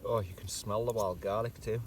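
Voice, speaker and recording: A man's voice: fairly low pitch, steady tone, brisk, slight background noise. A man vlogging at his outdoor campsite, chatting casually and joking while cooking and tasting his food. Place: outdoors at a wild campsite by a fire. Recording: distant camera mic, faint outdoor ambience.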